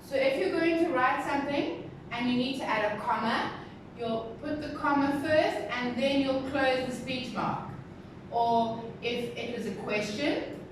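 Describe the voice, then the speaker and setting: A woman teacher giving a recorded lesson to young pupils, speaking slowly and stressing syllables as she teaches new words. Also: high voice, far from the mic. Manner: slow, deliberate, stressing syllables. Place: classroom with a board. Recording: very echoey room, voice from the mic, clear background noise.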